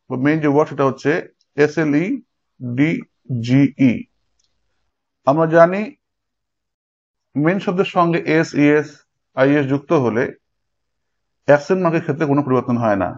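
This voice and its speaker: Male teacher, slightly raised pitch, patient step-by-step explainer, muffled low-fi recording. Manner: explains step by step, addresses students directly. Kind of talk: exam-prep lecture. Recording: dull lo-fi recording.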